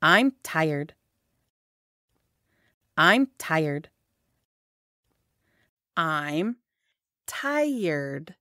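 A woman's voice: sits low, very animated, extremely slow, pauses often, sharp tone, no echo, clean studio sound. A woman teaching English phrases, saying each one whole, then word by word. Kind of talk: slow repeated phrase drilling.

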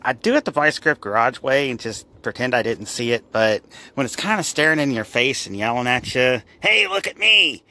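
A man's voice: mid-range voice, fairly quick, sharp tone. A man, casually walking viewers through his car restoration in a garage, rambling and folksy.

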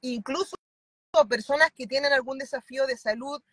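Her voice is high, sharp and husky at a moderate pace, captured in a dry recording. She's a mentoring client in her thirties with a Chilean Spanish accent, speaking fervently and emphatically on a video call from a car with the phone held at arm's length.

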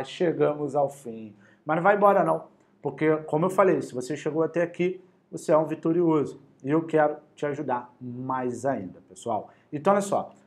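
Running an energetic exam-preparation class, this math teacher speaks Brazilian Portuguese with a Carioca accent and a voice slightly high for a man. He keeps things lively and full of slang, cheering students on while counting aloud through every step.

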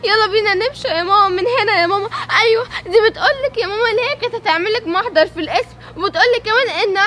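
A woman with an Egyptian accent voicing a frightened young daughter who begs her mother. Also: very high voice. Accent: Egyptian Arabic.

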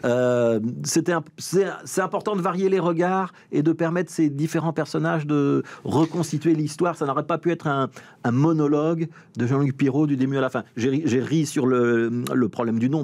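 A man's voice: a little high, normal speed, darkish tone, no room sound. A man, a TV culture interviewer asking questions in a conversational way.

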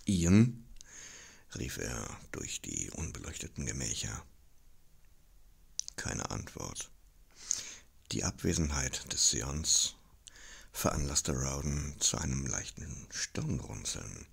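Super deep husky guy reading a fantasy audiobook, slow and dramatic, whispers the creepy parts. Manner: expressive, drops to whispers for tension. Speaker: audiobook reader.

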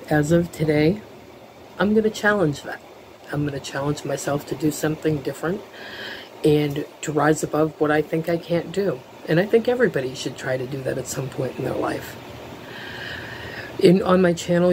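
A middle-aged woman, talking earnestly to a webcam at home, a little nervous, with pauses and "um"s. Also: low voice, darkish tone, slight background noise, poor audio. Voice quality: lisp. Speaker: vlogger. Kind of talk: casual talk to camera. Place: living room at home, indoors. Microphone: webcam at desk, close framing.

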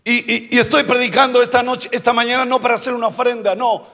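High-voiced pastor guy preaching, asks the crowd stuff, yells the big points, raspy fry, slow. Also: level tone, in a large hall. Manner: preaching with rhetorical questions and shouted emphasis. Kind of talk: sermon.

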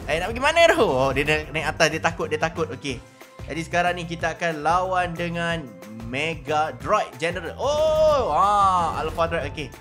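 Hosting a gaming video, a Malaysian-accented man delivers excited, theatrical, repetitive role-play commentary on his gameplay. His pitch is fairly high and his pace moderate, with faint music in the background.

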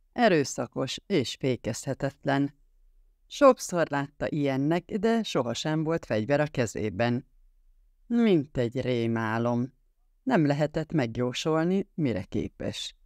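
A man narrating a novel as an audiobook with a dramatic, expressive reading on a close microphone. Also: on the high side, smooth, no room sound.

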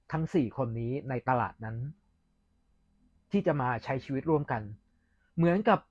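A man giving a casual, candid and opinionated film review in a chatty vlog with pauses, recorded with a dull, lo-fi sound. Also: a little high, no room sound.

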